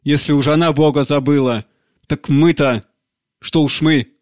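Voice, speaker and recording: A man's voice: mid-range voice, steady tone, unhurried, dry recording, clean studio sound, lightly acted. A man voicing a stern aging priest father. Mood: angry. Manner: pleading then harsh and commanding. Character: stern aging male village priest, proud and hurt.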